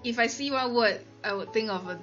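A woman's voice: fairly high pitch, a little fast, a bit bright. A woman with a Singaporean accent thinking aloud and exclaiming casually as she plays a word game. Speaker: gamer hosting a let's play. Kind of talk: casual chat and reading aloud while playing a word game. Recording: muffled lo-fi audio with music.

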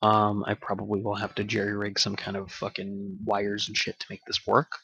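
A man's voice: fairly low pitch, completely flat delivery, normal speed, vocal fry, pushed and bright, breathy edge. A man hosting a gaming channel, talking casually over gameplay in a rambling, offhand way with casual swearing, on a desk mic that picks up the game audio. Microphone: desk microphone with game audio bleeding in. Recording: dull, dry home recording.

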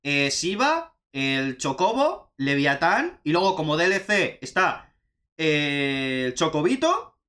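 Excitable young Spanish man, lively bright voice. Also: on the high side, slow. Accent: Spanish from Spain. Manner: excitable, chatty, says "tío" often. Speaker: gaming youtuber reacting to a trailer. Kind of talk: excited reaction commentary.

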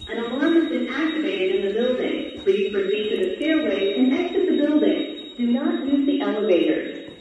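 A woman's calm, instructive emergency announcement plays through building loudspeakers. Her voice sits somewhat high and moves a lot. It echoes through a hall from a distance with a dull tone, and alarm tones sound behind it. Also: normal speed, faint music behind. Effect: played through building loudspeakers.

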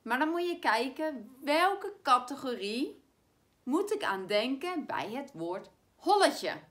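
A woman teacher with a Dutch accent giving a spelling lesson to primary pupils, saying words slowly and clearly so they can be spelled. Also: high-pitched, sing-song, fairly bright tone. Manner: slow, clear, stretches words to spell them out.

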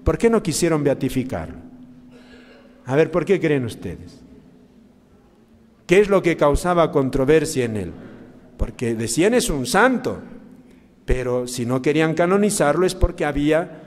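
A man preaching a sermon as a priest, asking the congregation many questions, with big swings in loudness and pitch. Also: very animated, normal speed, long pauses, long reverb tail. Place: church during mass.

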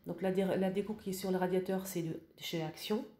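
A woman's voice: on the low side, fairly even intonation, brisk, dark tone, echoey room. Hesitant woman giving a home tour. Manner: hesitant, many fillers and restarts. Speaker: home decor vlogger. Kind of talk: casual voice-over room tour.

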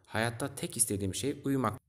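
A man's voice: medium pitch, fairly quick, close to an everyday voice. A man reading aloud, voicing a tired, resigned male lamplighter from a storybook who only wants to sleep. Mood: weary. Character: weary, sleepy male lamplighter bound to duty.

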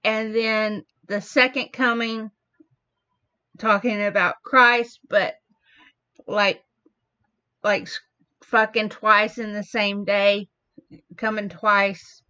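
A woman hosting a reaction video, slowly explaining the wordplay of a song line by line. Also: mid-range voice, flat delivery, pushed and bright, smooth. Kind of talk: casual commentary. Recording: dull lo-fi audio.

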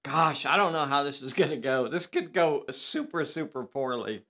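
A man's voice: fairly high pitch, sing-song, normal speed, pushed and bright. A man hosting a casual live game stream, chatty and jokey, tossing in silly impressions.

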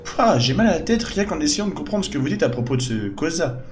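A man's voice: a little high, sing-song, fast talker, soft background music, pitched above the performer's own voice. A man voicing a plain-spoken young woman adventurer who questions things indignantly in a video game. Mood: puzzled, pressing.

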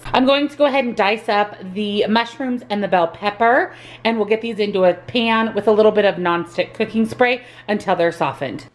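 A woman narrating her weekly meal prep in an upbeat, chatty voice-over, explaining each step as she cooks. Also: medium pitch. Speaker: meal prep vlogger and nutrition coach. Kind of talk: casual cooking voice-over.

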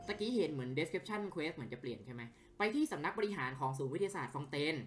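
A man giving casual let's-play commentary, rambling and thinking aloud, lower than his character voices. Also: lively intonation, fast talker, faint music behind. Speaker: gaming streamer.

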